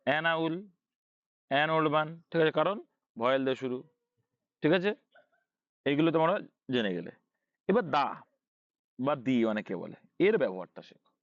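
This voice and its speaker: A man's voice: fairly high pitch, animated, normal speed, pauses often, dry recording, dull audio. A man with a Bangladeshi Bengali accent teaching English grammar, often asking a question and answering it himself and repeating key points. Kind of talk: online English grammar lesson.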